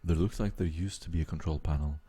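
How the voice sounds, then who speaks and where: A man's voice: very deep voice, quick pace, mellow, slight background noise. A man narrating a tabletop role-playing game as game master.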